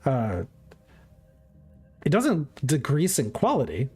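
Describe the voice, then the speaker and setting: A game master improvising descriptive tabletop narration in a halting, conversational way. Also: mid-range voice, huge pitch swings, a little mellow, husky, faint music behind.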